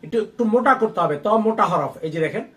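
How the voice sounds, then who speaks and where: A man teaching Quran recitation, spelling out each letter and vowel mark, then repeating the syllables in a slow, sung drawl. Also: high-pitched, animated, fairly bright tone, distant mic. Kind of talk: slow drilled letter-by-letter lesson.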